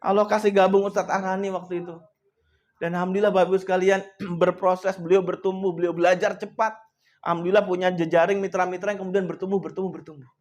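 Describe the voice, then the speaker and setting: A man coaching an audience in a motivational speech, telling stories and addressing his listeners directly. He swings between hushed, soft passages and loud, emphatic outbursts, with frequent devout exclamations. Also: high-pitched, flat delivery, quick pace, lo-fi sound.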